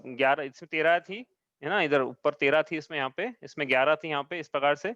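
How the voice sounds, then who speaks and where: A man's voice: on the high side, brisk, pushed and bright, dry recording. A man teaching an online class over a video call, explaining patiently step by step and often checking that his students follow. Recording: dull dry online-call audio.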